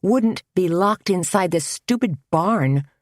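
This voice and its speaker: A woman voicing Tony, a wisecracking middle-aged woman friend in an audiobook mystery, playful and quick. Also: on the low side, expressive, darkish tone, no echo, studio quality, voice pushed up. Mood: fuming. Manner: wry, exasperated, fiery. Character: feisty middle-aged woman caught in a jam, joking.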